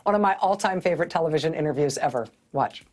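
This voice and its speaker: A woman's voice: deep voice, lively intonation, fast talker, a little mellow, slight background noise. A middle-aged woman hosting a televised news commentary, speaking in a wry, sardonic way on a studio mic. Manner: wry, sardonic, often laughing mid-sentence.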